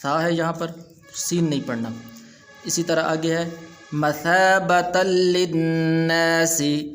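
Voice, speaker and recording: A man with a Pakistani Urdu accent teaching tajweed, chanting verses slowly and then explaining the rules in quick plain speech. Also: on the high side, steady tone, soft background music. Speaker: Quran recitation teacher. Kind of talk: Quran tajweed lesson.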